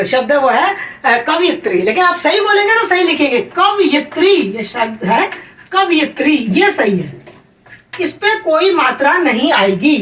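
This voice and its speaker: A woman teaching grammar in an emphatic style, repeating each rule and checking whether the students have it clear. Her voice is high. She sounds set back from the mic in a roomy, echoing space. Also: fairly bright tone, recorded from a distance. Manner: calls students "beta". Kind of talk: exam-prep lesson.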